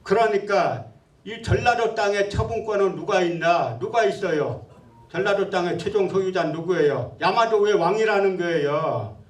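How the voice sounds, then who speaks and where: A man's voice: high voice, lively intonation, moderate pace, roomy sound, recorded from a distance. A man giving a public history lecture, scornful and full of rhetorical questions.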